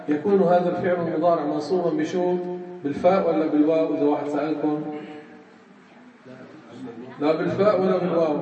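A man's voice: on the high side, warm tone. A man with a Levantine Arabic accent teaching a religious lesson, explaining step by step and quizzing his students. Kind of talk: classroom lesson on grammar and creed. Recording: echoey room from far off, muffled, crowd.

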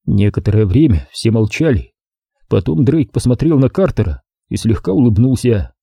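A male narrator reading a crime thriller aloud with a lively, rising and falling pitch. His voice is mellow and somewhat husky. The recording is dry and close, with no room sound. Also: normal speed, dry recording. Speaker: audiobook narrator. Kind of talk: scripted narration.

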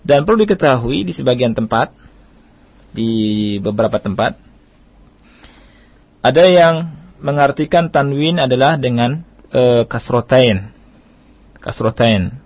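A man from Indonesia teaches recitation rules over the radio at an unhurried, deliberate pace. He repeats his key points patiently and now and then slows into a careful chant. The broadcast sound is dry and a little muffled. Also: medium pitch, animated, no echo. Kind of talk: radio lesson.

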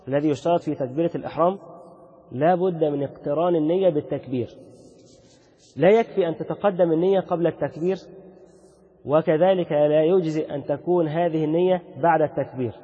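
A man with an Egyptian Arabic accent teaching religious law in a fairly high, breathy voice. He lays out each ruling, puts questions to his listeners and answers them himself. The recording is dull and lo-fi, with a long reverb trailing his words. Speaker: Islamic jurisprudence teacher. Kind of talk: religious lesson.

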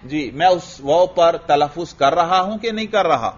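A man with a fairly high voice teaches a grammar class. He keeps asking questions and then answers them himself, repeating each key word. The recording is dull and lo-fi, like an old classroom tape. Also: expressive.

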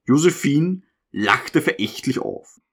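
Brief: male narrator, lively intonation, measured literary reading. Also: on the high side, breathy edge.

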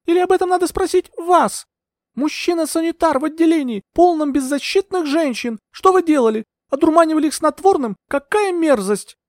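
A man reading an audiobook, voicing a desperate young woman heroine in pleading, shouted protests. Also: very high-pitched, fairly quick, no echo, clean studio sound, pitched above the performer's own voice. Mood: accusing. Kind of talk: audiobook character voice.

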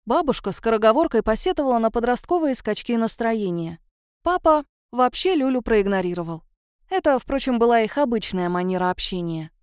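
A woman narrates a first-person audiobook story, expressive and measured. Her voice sits somewhat high. The recording is close and dry. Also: clean tone, no echo.

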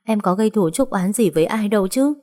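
A woman's voice: mid-range voice, expressive, fast, warm tone, pitched above the performer's own voice, lightly acted. A woman voicing a frightened young woman who pleads in broken, sobbing speech. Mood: frightened pleading.

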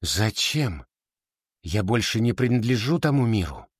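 A man's voice: on the low side, very animated, a little slow, slightly rough, dry recording, clean studio sound, full character voice. A man reading aloud, voicing a guarded, evasive older woman who owns a perfume shop in a storybook.

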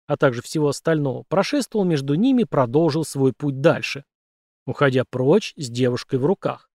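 A man narrating an audiobook in a steady, expressive reading. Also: fairly high pitch, dry recording, clean studio sound.

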